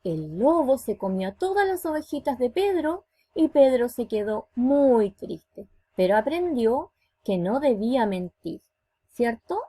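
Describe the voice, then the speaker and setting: A woman teacher with a Chilean accent talking to young children in a virtual class, animated and coaxing, asking them questions. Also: sits high, a little slow, slightly rough. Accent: Chilean Spanish. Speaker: schoolteacher.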